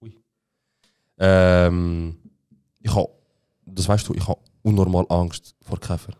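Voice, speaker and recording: A man's voice: low voice, takes it slowly, clean tone. A young man with a Swiss German accent, co-hosting a casual podcast chat and telling stories with lots of laughter and slang. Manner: laughing, animated storytelling with slang. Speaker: podcast co-host.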